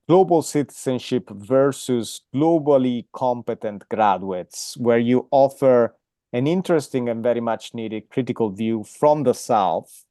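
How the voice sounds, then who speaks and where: A man hosting an academic interview, speaking in a measured way with many fillers. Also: mid-range voice, warm tone, dry recording, clean studio sound. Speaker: interview host.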